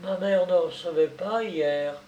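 Man reading as a grieving young daughter, quiet, dark mellow tone, roomy distant sound. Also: sits high, measured pace, a little hiss or hum. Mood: subdued.

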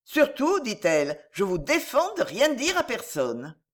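A woman voicing a wise older fairy woman who speaks sternly and deliberately in a storybook. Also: fairly high pitch, huge pitch swings, voice pushed up, full character voice. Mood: solemn.

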